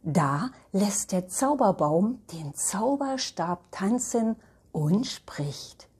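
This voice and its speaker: An older woman reading a children's picture book aloud as a storytelling grandmother, gentle and addressing the children. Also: mid-range voice, expressive, extremely slow, slightly rough.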